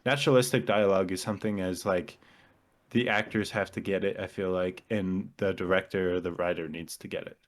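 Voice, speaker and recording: A man with a somewhat low voice talks casually on a podcast. He breaks ideas down in long, analytical explanations. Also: steady tone, fairly quick. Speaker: podcast co-host. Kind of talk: casual chat.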